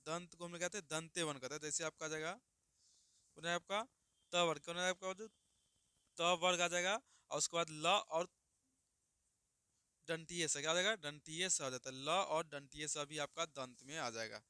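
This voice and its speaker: A man's voice: on the high side, fairly even intonation, sharp tone, smooth, no room sound, studio quality. A man teaching a grammar lesson, who keeps asking his listeners questions, answers them himself and sounds out each letter for them to repeat. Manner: sounds out letters slowly for students to copy.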